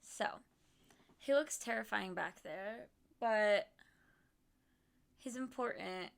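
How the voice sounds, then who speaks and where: A woman's voice: medium pitch, slow, creaky, clear, resonant tone. A young woman streaming from home, chatting casually and rambling with plenty of fillers and giggles.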